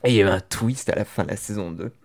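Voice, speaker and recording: Man, lowish voice, casual chat, rambling, halting, lots of restarts. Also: gravelly, a little mellow. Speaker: podcast co-host. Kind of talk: casual chat about a TV series.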